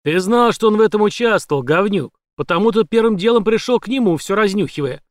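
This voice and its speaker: A man voicing a menacing, bullying armed police chief who barks loud threats. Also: high-pitched, animated, a little fast, no room sound, studio quality, pitched above the performer's own voice. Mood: threatening.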